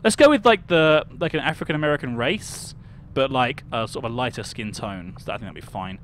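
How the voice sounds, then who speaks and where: A man's voice: mid-range voice, animated, brisk, a bit bright, slight background noise. A young British man streaming a video game, chatting with viewers, greeting them by name and thinking aloud as he plays. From United Kingdom. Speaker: livestreamer. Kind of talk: casual game livestream chat.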